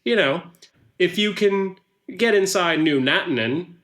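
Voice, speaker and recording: A man's voice: high voice, lively intonation, unhurried, fairly bright tone, pitched above the performer's own voice. A man voicing a short, shifty male newspaperman who talks in a sly, folksy way and drops his words. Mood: sly, smug.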